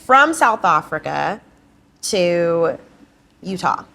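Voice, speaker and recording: A woman's voice: on the low side, very animated, slow, creaky, pushed and bright. A young woman hosting a podcast, chatting easily and answering often with short agreements. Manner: easygoing, frequent agreeing backchannels. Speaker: podcast host. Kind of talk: casual interview chat.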